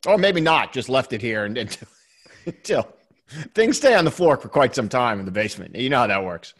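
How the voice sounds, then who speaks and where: Man, podcast co-host, middle-pitched, rambling casual chat with chuckles, basement home studio. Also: big pitch swings, a little fast, fairly bright tone. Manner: rambling, with frequent restarts and chuckles.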